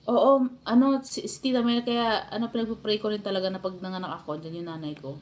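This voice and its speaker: A woman's voice: medium pitch, steady tone, fairly quick, a little mellow. A woman with a Filipino accent chatting and telling family stories to her live stream viewers, laughing often. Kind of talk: casual live stream chat.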